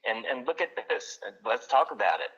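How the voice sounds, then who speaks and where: Bright-voiced man, earnest gallery owner. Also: mid-range voice, very animated, fairly quick, muffled recording, slight background noise. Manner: earnest, repeats words as he talks. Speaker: art gallery owner, guest. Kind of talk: casual interview.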